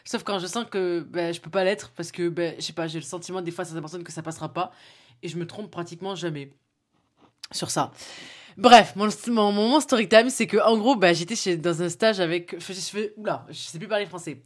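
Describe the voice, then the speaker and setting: A woman's voice: fairly low pitch, brisk. A young woman with a Toulouse accent, telling a spontaneous story on her podcast and talking straight to the listener. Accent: Toulouse, southern French. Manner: spontaneous, chatty, addresses listener directly, many fillers. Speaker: podcast host. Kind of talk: casual solo podcast storytelling.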